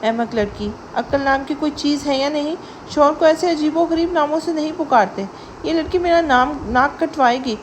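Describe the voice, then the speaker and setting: A woman's voice: sits high, a little hiss or hum, close to an everyday voice. A woman voicing a strict, exasperated mother who scolds her daughter. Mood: scolding. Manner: stern and scolding.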